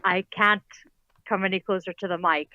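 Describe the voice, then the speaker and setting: A woman's voice: medium pitch, steady tone, moderate pace, sharp tone. A woman making dry, teasing remarks in a casual group chat, her voice muffled and distant as if heard through a wall. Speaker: co-host riffing on a movie. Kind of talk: casual group commentary over a voice call. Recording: muffled faint mic with light noise.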